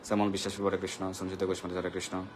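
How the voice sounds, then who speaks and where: A man's voice: low-pitched, completely flat delivery, very fast, noisy background. A man hosting a live devotional question-and-answer session, patiently explaining and greeting viewers by name. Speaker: devotional Q&A host.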